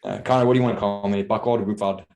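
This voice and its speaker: Quick-talking, modest young man. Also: lowish voice, steady tone, gravelly, darkish tone. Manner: modest, easygoing. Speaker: guest software engineer. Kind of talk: casual interview.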